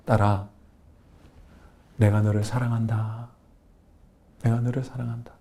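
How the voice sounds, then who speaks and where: A male preacher voicing God, speaking softly and gently to a grieving daughter. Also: on the high side, sing-song, slow, voice pushed up. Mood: tender.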